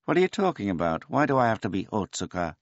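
A man voicing a weary, laconic elderly male tomcat who speaks in a dry, unhurried, noncommittal way. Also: fairly low pitch, very animated, dry recording, muffled recording, voice pushed up. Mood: puzzled.

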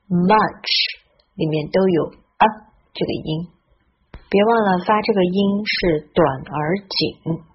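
Woman, English pronunciation teacher, slow and careful, spells letters, dull lo-fi sound. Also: mid-range voice, husky. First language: Chinese. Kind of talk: scripted lesson narration. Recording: dull lo-fi recording.

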